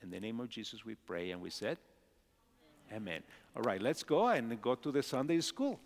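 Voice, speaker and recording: A man's voice: medium pitch, expressive, normal speed. A middle-aged male pastor giving a children's message, asking the children simple questions. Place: large church sanctuary. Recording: long hall reverb.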